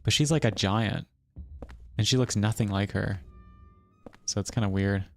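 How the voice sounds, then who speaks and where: A man's voice: fairly low pitch, fairly even intonation, moderate pace, gravelly, faint music behind. A man streaming a horror game live, giving casual, rambling commentary full of fillers and chuckles.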